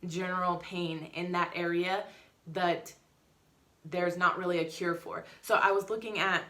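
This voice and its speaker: A woman's voice: lowish voice, unhurried. A woman vlogging in a casual storytelling way, frank and outspoken, acting out what people said. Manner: frank and outspoken, swears freely; animated, acts out quotes. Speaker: family vlogger.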